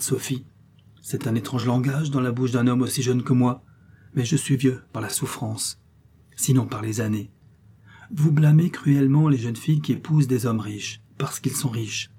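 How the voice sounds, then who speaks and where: A man voicing an earnest, sorrowful young man in a classic novel read aloud, speaking in a grave and measured way. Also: mid-range voice, dark tone, breathy edge, natural voice. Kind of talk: audiobook character reading.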